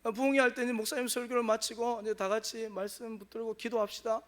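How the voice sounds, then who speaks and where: A male pastor delivering a sermon in a church, telling a story in a dramatic, animated way. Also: very high-pitched, fast. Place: church sanctuary.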